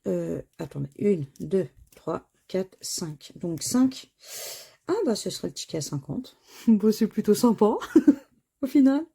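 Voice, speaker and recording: A woman's voice: on the low side, unhurried, creaky, dark tone, breathy edge. A woman chatting casually to viewers as she scratches tickets, spelling out letters one by one. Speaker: scratch-card vlogger.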